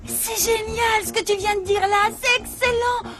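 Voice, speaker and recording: A woman's voice: very high voice, steady tone, normal speed, over music. A woman in a dubbed telenovela, exuberant and pleading, full of exclamations.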